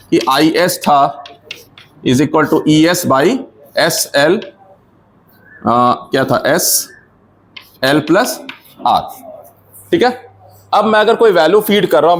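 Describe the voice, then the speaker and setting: A male lecturer with a somewhat high-pitched voice teaches a classroom full of students. He explains each idea step by step, turns to the class with questions and slips English technical terms into his talk. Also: measured pace, long pauses, slight background noise. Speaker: engineering lecturer.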